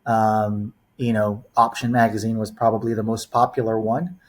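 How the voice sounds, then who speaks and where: A man in his forties, born in the Philippines and raised in Los Angeles, guests on a casual podcast interview. His voice is on the low side, level in tone and at normal speed, as he rambles through stories packed with "um" and "you know."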